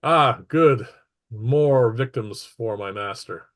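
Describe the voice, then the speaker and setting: A man's voice: mid-range voice, slow pace, no room sound, close to an everyday voice. A man voicing a menacing male suit of living armor, with a tinny, metallic voice, as game master of a tabletop game.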